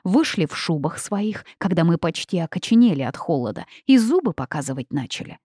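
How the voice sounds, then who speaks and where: A woman voicing a calm, steady male werewolf leader in a storybook. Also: lowish voice, brisk, slightly rough, no echo, clean studio sound. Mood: aggrieved. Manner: calm, placating.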